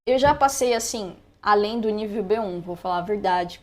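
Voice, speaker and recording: A woman's voice: mid-range voice, moderate pace, a little mellow. A young woman with a Brazilian Portuguese accent, chatting casually as she walks through a screen-recorded lesson with frequent asides. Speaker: language learner sharing study tips.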